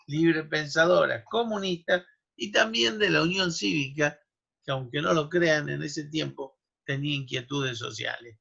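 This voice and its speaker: A man's voice: fairly high pitch, vocal fry, sharp tone. A man giving a university law lecture, explaining history and running through lists of names and dates with asides to his students. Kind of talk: academic lecture. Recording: dull lo-fi recording.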